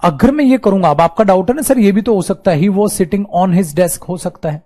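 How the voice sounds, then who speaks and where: A man's voice: high-pitched, moderate pace. A man with an Indian English accent teaching an online English grammar class, switching between Hindi and English and acting out short student replies and dialogues. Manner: animated, acts out student replies and little dialogues; calls listeners beta and bhaiya, mixes Hindi and English. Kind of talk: online coaching class lecture.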